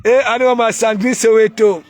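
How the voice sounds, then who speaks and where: A man from Cameroon with a Cameroonian accent, hosting a casual live stream where he mocks and teases, often breaking into shouts. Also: very high voice, steady tone, moderate pace. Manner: mocking, teasing, bursts of shouting.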